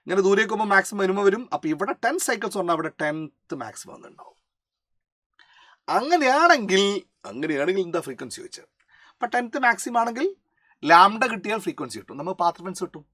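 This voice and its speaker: A physics teacher with a Malayali accent works through a problem in a mid-range, fairly bright voice, talking fast with big pitch swings. He explains as he goes, switching into English for technical terms and often checking in with short questions. The recording is dry, with very little room echo.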